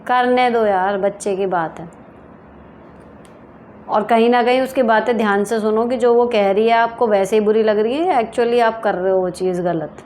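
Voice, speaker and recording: A woman's voice: fairly high pitch, normal speed, darkish tone, a little hiss or hum. Frank Hindi woman giving advice. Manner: frank, direct, reads questions aloud then answers plainly. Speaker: advice show host. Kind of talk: casual advice talk answering viewer questions.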